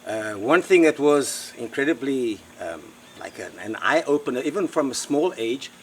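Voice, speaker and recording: A man's voice: mid-range voice, lively intonation, moderate pace, a little hiss or hum. Middle-aged man, South African accent, rambling, many fillers, faint outdoor ambience. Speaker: interviewee, local host. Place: outdoors by a river in the Amazon.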